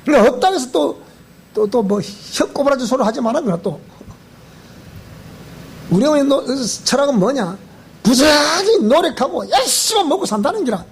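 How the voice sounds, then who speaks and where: Man, pastor, Gyeongsang accent, sermon, animated rise and fall, asks the room questions. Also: extremely high pitch, slight background noise. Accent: Gyeongsang Korean. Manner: animated, repeats phrases, asks the congregation questions. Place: church.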